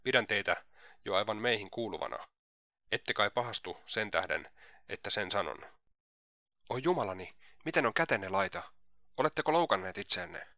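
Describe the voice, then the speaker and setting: A man's voice: on the low side, expressive, pauses often, sharp tone, no room sound. A man reading the lines of an anxious, fretful aging mother in an audiobook. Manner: fretful, pleading.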